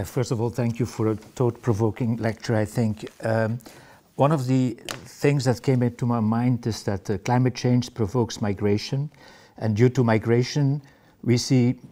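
Mellow-voiced man posing a panel question. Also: mid-range voice. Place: wood-panelled library meeting room.

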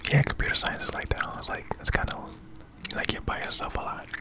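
A young man reads facts in a soft, breath-only whisper for ASMR. He is very close to the microphone in a small room and chews gum as he goes. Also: fast talker. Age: young adult. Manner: chewing gum while whispering; soft, unvoiced whisper throughout. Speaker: ASMR video host. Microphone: close condenser microphone with furry windscreen.

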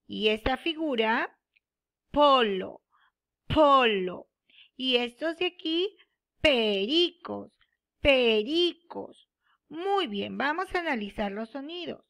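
Woman, from Peru, teacher, remote lesson for small children, high voice, very slow drawn-out words. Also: creaky, fairly bright tone. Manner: slow, drawn-out word repetition with encouraging praise. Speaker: primary school teacher.

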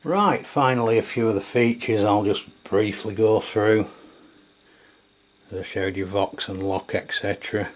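Thinking aloud in a tentative way, a middle-aged radio product reviewer gives an unscripted, casual demonstration of a product at a tabletop indoors. He has a lowish voice and speaks a little slowly. Room ambience and background noise come through clearly.

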